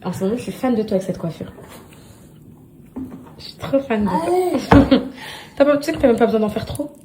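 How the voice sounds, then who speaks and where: A woman vlogging casually on her phone at home, chatty and excitable, talking straight to her followers and laughing often. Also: on the high side, very fast, background noise. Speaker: lifestyle vlogger. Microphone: phone held at arm's length.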